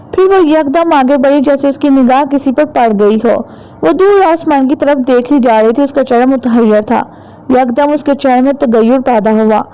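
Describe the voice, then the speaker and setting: A woman narrating a horror novel as an audiobook, in steady, measured storytelling. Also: sits high, clean tone, highs cut off. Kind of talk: dramatic novel reading.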